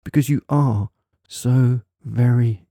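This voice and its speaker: A man speaking softly and intimately right in the listener's ear, delivering a coaxing, teasing hypnosis ASMR monologue full of praise, close to the microphone. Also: mid-range voice, steady tone, takes it slowly, no room sound. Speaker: hypnosis audio performer. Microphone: close microphone, dry sound.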